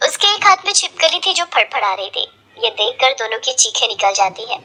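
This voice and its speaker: A woman narrating a cartoon story in a steady storytelling manner. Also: fairly high pitch, a little fast.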